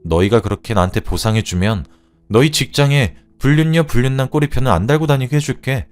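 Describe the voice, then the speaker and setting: A man voicing a sharp, cold-spoken young woman civil servant in a storybook drama. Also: medium pitch, a little fast, clear, resonant tone, soft background music, voice pushed up, natural voice. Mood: cold, threatening. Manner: cold and cutting.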